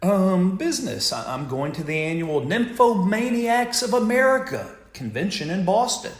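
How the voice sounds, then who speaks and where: A man voicing a confident young woman lecturer who explains things calmly and politely. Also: high voice, normal speed, pitched above the performer's own voice. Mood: poised, explaining. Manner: poised, matter-of-fact explaining. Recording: echoey room.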